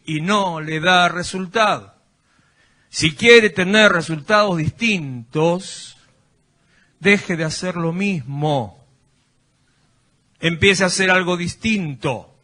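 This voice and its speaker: A man's voice: high-pitched, pushed and bright. A male pastor, preaching a sermon and putting questions to his congregation. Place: church.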